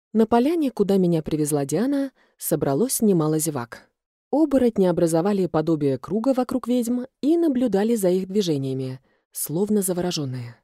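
A woman narrating a first-person fantasy audiobook in a calm storytelling manner on a close mic. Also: mid-range voice, no echo.

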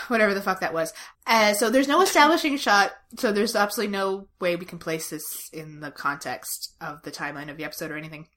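A woman's voice: mid-range voice, fast talker, a bit bright. A woman co-hosting a casual show recap podcast, talking sarcastically with lots of "like" as filler. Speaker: podcast co-host.

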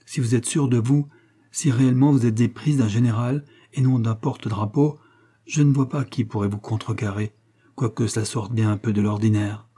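A man reading an audiobook voices a kindly old spinster aunt in a low, soft, gentle tone. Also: steady tone, normal speed, lightly acted.

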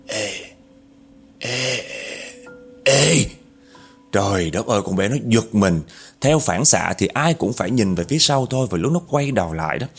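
A man narrating a horror story in an animated way, speaking directly to his listeners. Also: medium pitch, slightly rough.

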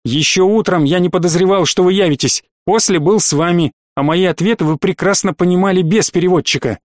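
A man's voice: high-pitched, a little fast, no echo, clean studio sound, close to an everyday voice. A man reading an audiobook, voicing a stern military father who speaks firmly and curtly. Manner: firm, curt.

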